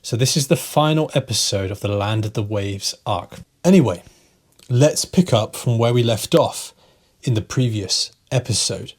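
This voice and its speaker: A man teaching English, retelling a story slowly for learners, repeating key phrases and checking in with "right?". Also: on the low side. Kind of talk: slow retelling for language learners.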